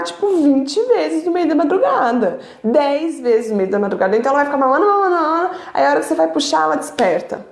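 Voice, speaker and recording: A woman's voice: sits high, vocal fry, a little mellow, echoey room. A woman in her thirties, a sleep consultant, explaining to parents in a conversational way, asking them rhetorical questions. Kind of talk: informal teaching talk to parents.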